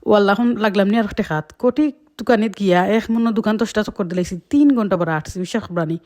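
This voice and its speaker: A woman's voice: medium pitch, fast talker, darkish tone. A young woman with a Sylheti accent, telling a chatty vlog story and quoting her own lines and her husband's. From Sylhet region, Bangladesh. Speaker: vlogger.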